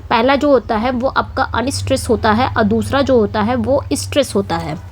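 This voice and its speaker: High-voiced woman teaching English prosody. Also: moderate pace, a little mellow, a little hiss or hum. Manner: repetitive teacherly explaining with frequent "theek hai" and "okay" checks. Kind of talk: exam-prep lecture explaining poetic meter.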